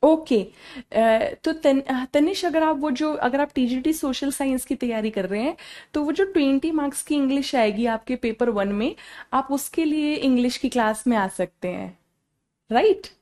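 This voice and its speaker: A woman's voice: high-pitched, moderate pace, mellow. A young woman teaching an online exam-prep class, explaining patiently and mixing Hindi with English while quizzing her students.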